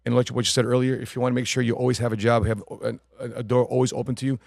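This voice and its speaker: A man in his forties, a podcast guest in a studio, speaking into a boom mic. He talks quickly with a gravelly edge, and the sound is dry and close. He gives advice confidently and with emphasis. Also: little pitch movement, a little mellow, dry recording. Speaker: podcast guest, financial advisor. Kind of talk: casual podcast chat. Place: studio set. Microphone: studio mic on boom arm.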